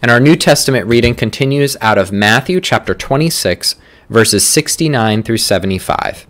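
A man reading scripture and leading prayers for a church's morning prayer, in a measured, deliberate way, phrase by phrase. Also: medium pitch, lively intonation, a bit bright.

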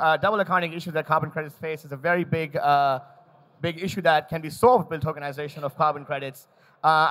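A man's voice: on the high side, fairly bright tone. A man on a conference panel, speaking earnestly and correcting himself as he goes.

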